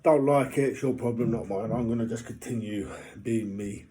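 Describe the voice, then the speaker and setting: A man talks casually to the camera in a vlog monologue, upbeat and joking as he rambles with plenty of fillers. His voice is warm and medium-pitched, and he speaks at a normal speed.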